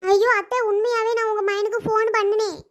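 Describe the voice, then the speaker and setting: Woman voicing a worried young daughter-in-law, squeaky high, pleading n anxious. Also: flat delivery, a little fast. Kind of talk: cartoon voice acting.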